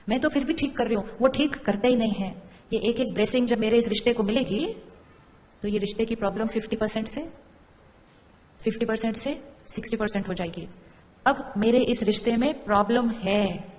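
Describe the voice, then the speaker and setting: Woman giving a spiritual talk, highish voice, lots of hall echo, repeats things and asks the crowd questions. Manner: repeats key phrases and quizzes the audience; mixes in English phrases. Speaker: spiritual speaker. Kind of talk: spiritual talk to a live audience. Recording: long hall reverb.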